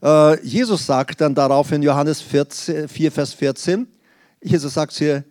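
Earnest male preacher, slightly high voice. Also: a little mellow, no room sound, clean studio sound. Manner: earnest, emphatic preaching that slows on key phrases; explanatory, with frequent hesitations. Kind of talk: sermon.

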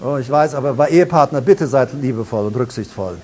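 A man preaching a charismatic sermon, moving between quiet teaching and loud, fervent proclamation, with passages of speaking in tongues. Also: mid-range voice, expressive, quick pace. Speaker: pastor.

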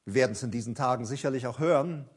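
A man preaching a sermon in a church service, fervent, swinging between loud emphasis and soft near-whispers. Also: medium pitch, racing, slightly rough. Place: church during a worship service.

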